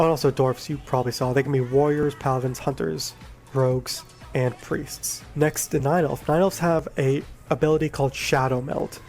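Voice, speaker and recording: A man talks with a groggy voice because he is sick. He explains a game in a laid-back, rambling way and often corrects himself mid-sentence. His pitch is middling, neither high nor low. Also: darkish tone. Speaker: gaming video creator. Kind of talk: casual game guide talk.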